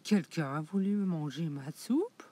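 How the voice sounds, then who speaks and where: A cross mama bear who scolds in a slow, raised, sharp storybook voice, as a woman reading aloud puts her on. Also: fairly high pitch, lively intonation, pitched above the performer's own voice. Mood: irritated. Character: irritated scolding mother bear.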